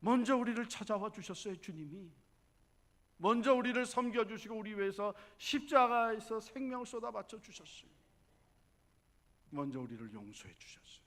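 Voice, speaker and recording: A male pastor preaching a fervent revival sermon. His voice sits somewhat high and sounds bright and forceful. It rings out with the long reverb of a large church hall. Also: big pitch swings, normal speed. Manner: fervent preaching, dropping in English words.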